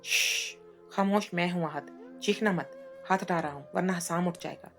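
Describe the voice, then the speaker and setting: Young husband, hushed and urgent, voiced by a woman. Gravelly, slow and low. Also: soft background music.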